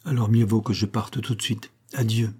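Man voicing a devoted male friend, audiobook dialogue, restrained, pleading, husky. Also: fairly low pitch, steady tone, normal speed, darkish tone.

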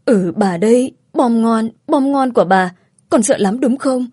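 A woman's voice: a little slow, mellow, slightly rough, no echo. A woman voicing an older grandmother who scolds sharply and coos over her grandchild, read in a dry, close-sounding room. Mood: soothing. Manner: shrill and scolding, tender with the grandchild.

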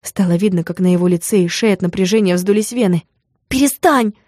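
This is scripted narration from a female audiobook narrator, delivered evenly and with measured pacing. She has a fairly low pitch, captured in a dry, clean studio recording.

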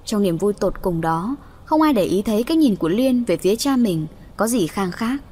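Female audiobook reader, steady dramatic delivery. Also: medium pitch, moderate pace, slightly rough. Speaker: audiobook narrator. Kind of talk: scripted story narration.

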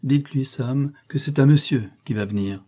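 A man's voice: mid-range voice, normal speed, mellow, pitched above the performer's own voice, lightly acted. A man voicing a hearty, declaiming army colonel in a storybook reading.

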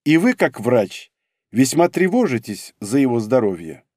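A man's voice: medium pitch, very animated, measured pace, a little mellow, dry recording, studio quality. A man voicing a cold, domineering woman spy in an audiobook, icy and mocking in manner. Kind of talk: audiobook character reading.

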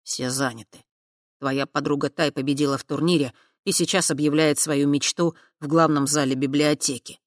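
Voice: mid-range voice, fairly even intonation, moderate pace, dry recording, lightly acted. A proud, resentful young man who speaks in clipped, cold phrases, as an audiobook reader puts him on. The sound is dry and close to the mic. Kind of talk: audiobook character voice.

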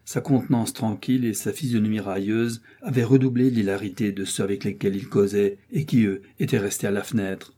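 Brief: male audiobook narrator, mellow and husky, steady measured storytelling. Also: on the low side. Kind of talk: classic novel audiobook narration.

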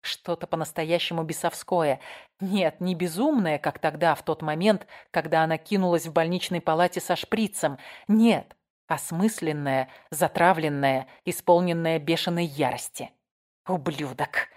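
Woman reading a crime audiobook, lowish voice, measured and tense. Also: darkish tone. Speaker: audiobook narrator. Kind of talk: dramatic audiobook narration.

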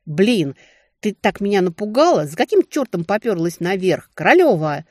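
A woman voicing a panicky young woman friend who shouts and frets in an audiobook. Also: low-pitched, animated, moderate pace, no echo, clean studio sound. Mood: frightened. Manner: loud, shrieking, agitated.

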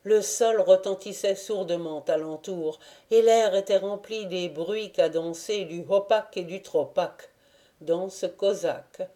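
A woman narrating a classic novel as an audiobook in a measured, deliberate reading. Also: medium pitch, mellow.

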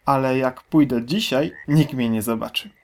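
A man voicing a huge, greedy, boastful male crocodile in a storybook reading, with a loud, gloating delivery. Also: medium pitch, moderate pace, a little hiss or hum, lightly acted.

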